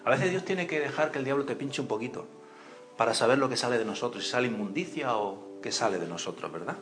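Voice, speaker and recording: A pastor preaching a sermon in church, telling stories with acted-out voices and questions to the congregation. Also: male voice, medium pitch, fast, faint music behind. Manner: animated storytelling, acts out voices and cries, asks the congregation questions.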